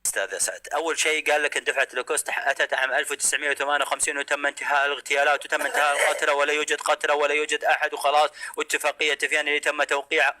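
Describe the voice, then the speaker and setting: A man's voice: on the high side, level tone, pushed and bright. A man arguing a point in a live online debate, reeling off names and dates. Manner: lists names and dates in rapid detail. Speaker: debate participant. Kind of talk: argumentative historical debate.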